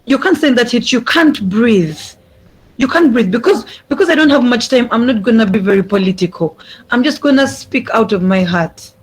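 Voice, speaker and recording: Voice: medium pitch, animated, moderate pace, slightly rough, poor audio. A young adult speaker gives an earnest prepared speech over a video call, repeating phrases for emphasis. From Uganda. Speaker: youth speaker. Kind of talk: prepared speech at an online summit.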